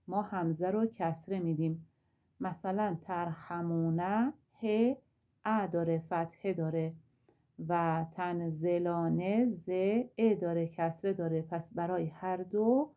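A woman's voice: on the low side, mellow, highs cut off. A woman teaching a grammar lesson, explaining step by step with drill examples and asking rhetorical questions.

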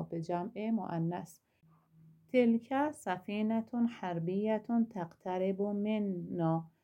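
A woman teaching a lesson, reading Arabic phrases slowly, then translating and explaining each one. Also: mid-range voice, mellow, lo-fi sound.

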